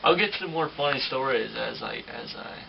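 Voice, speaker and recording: A man's voice: mid-range voice, animated, a little fast, vocal fry, muffled recording, slight background noise. A young man, a guest on the show, tells casual stories in slangy, profane talk full of fillers. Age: young adult. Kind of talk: casual storytelling. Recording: distant mic with music behind.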